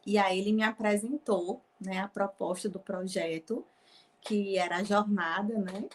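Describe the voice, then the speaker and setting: A woman's voice: mid-range voice, steady tone, measured pace. A woman telling a personal faith testimony as a guest, acting out past conversations and often near tears. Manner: storytelling, acting out dialogue, frequent "né?" tags.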